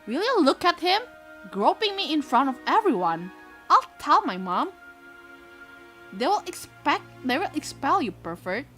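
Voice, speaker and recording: A woman's voice: high-pitched, big pitch swings, measured pace, fairly bright tone, faint music behind, pitched above the performer's own voice, exaggerated voice. A woman voicing a spiteful, taunting schoolgirl class rep from a visual novel. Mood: indignant, mocking. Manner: indignant, taunting.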